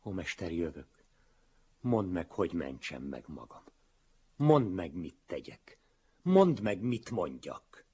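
A man voicing a wretched, desperate man who cries out in a choked, pleading way, with a very husky voice. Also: low-pitched, very animated, dark tone, heavily acted. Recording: dull lo-fi recording.

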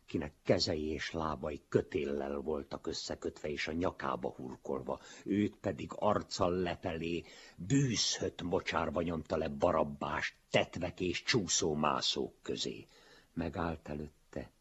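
A man reading a literary story aloud in a measured, solemn way, with a very husky voice. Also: rumbling low. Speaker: reader. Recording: dull lo-fi recording.

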